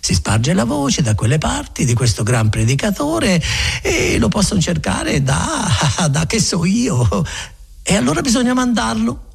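A man voicing a chatty, kindly friar who talks in a garrulous, folksy, self-assured way, with a husky voice. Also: high voice, very animated, a little slow, voice pushed up, heavily acted. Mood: rambling.

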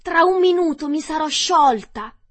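A woman's voice: high voice, slow, fairly bright tone, pitched above the performer's own voice. A woman doing a cruel, wailing old witch. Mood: panicked. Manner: taunting, then wailing in despair.

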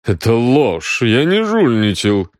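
A man's voice: mid-range voice, very animated, slow, no room sound, studio quality. A man playing a trembling, desperate card cheat. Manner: pleading, shaky.

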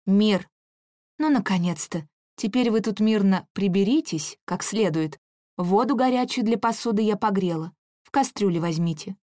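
A woman's voice: medium pitch, normal speed, mellow, no echo, studio quality, natural voice. Lady reading strict mum, jokey, no-nonsense. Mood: firm. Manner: firm, dryly joking. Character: mother of two girls, village housewife.

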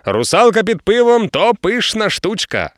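A man voicing a boisterous, greedy old sea captain who booms out hearty commands in an audiobook. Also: very animated, moderate pace, no room sound, clean studio sound. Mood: gleeful. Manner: booming, hearty, bellowing commands.

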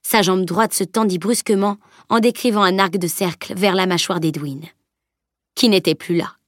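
A woman narrating an audiobook in a steady, even storytelling manner. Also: medium pitch, normal speed, dry recording, clean studio sound. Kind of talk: scripted narration.

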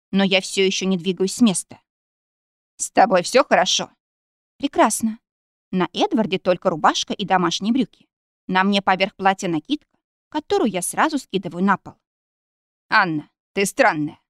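A woman reading a first-person novel aloud in a soft, expressive storytelling manner. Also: mid-range voice, no echo, clean studio sound. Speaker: audiobook narrator. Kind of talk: first-person audiobook narration.

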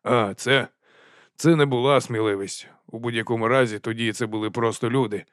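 A man voicing a gloomy, curt middle-aged watch captain in an audiobook, speaking slowly. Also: mid-range voice, fairly even intonation, dry recording, studio quality, close to an everyday voice. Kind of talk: audiobook character voice.

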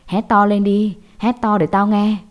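A woman's voice: medium pitch, level tone, a little slow, muffled recording, natural voice. A woman voicing a vengeful, menacing ghost girl who hisses accusations in a storybook horror tale. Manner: hissing, accusing.

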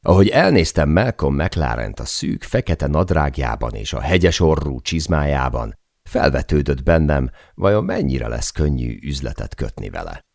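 A man narrating a memoir audiobook as a steady, scripted storytelling reading. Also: rumbling low, vocal fry, no echo, studio quality.

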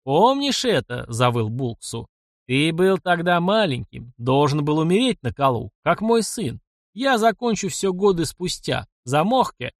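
A man voicing a cruel, vengeful old nomad chieftain who speaks in slow, growling commands. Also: fairly high pitch, expressive, no room sound, studio quality, voice pushed up. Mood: cold menace.

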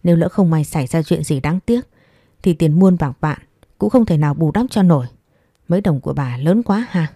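A woman's voice: low-pitched, animated, fairly quick, dark tone, no echo, studio quality. A woman voicing a stern old father who rebukes his wife firmly. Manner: stern, firm, reproachful. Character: stern old father, strict family head.

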